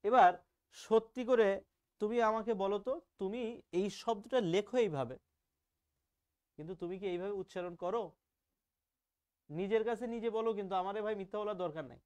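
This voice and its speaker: A man's voice: high-pitched, a little fast, pauses often, a little mellow, smooth. A man from Bangladesh, teaching a casual online grammar lesson in a chatty, teasing way, asking rhetorical questions and drawing out example words.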